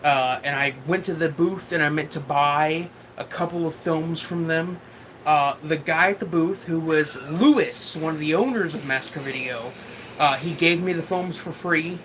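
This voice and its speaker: A man livestreaming while drunk, chatting casually and haltingly as he answers viewers, often losing his thread and swearing now and then. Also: on the high side, a bit bright, a little hiss or hum, rough recording. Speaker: livestream host.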